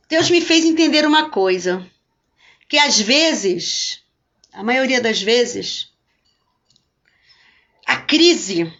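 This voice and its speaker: Uma pastora falando numa live devocional, conversando à vontade e cumprimentando os espectadores pelo nome. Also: female voice, fairly high pitch, a bit bright, dull audio. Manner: talks chattily and greets viewers by name. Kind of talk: live-streamed devotional talk.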